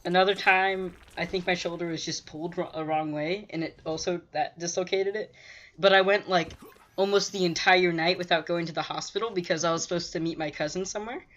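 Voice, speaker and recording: A man's voice: high voice, steady tone, fairly quick, a bit bright, dull audio. A male co-host of a gaming channel chatting casually over gameplay, telling a story in an easygoing way with many fillers.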